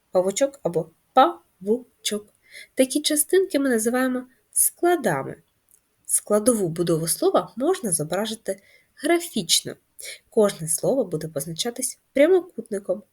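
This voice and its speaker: A woman teaching a first-grade reading lesson, speaking patiently and clearly and stretching words into syllables. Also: on the low side, darkish tone. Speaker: primary school teacher.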